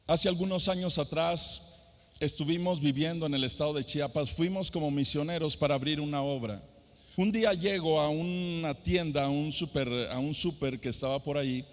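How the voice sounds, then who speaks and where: A high-voiced Mexican pastor, middle-aged, preaching at a youth conference. He rises into an almost sung emphasis and keeps throwing rhetorical questions at the crowd. His voice rings with a long hall reverb. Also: normal speed. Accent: Mexican (San Luis Potosí). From San Luis Potosí, Mexico. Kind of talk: sermon.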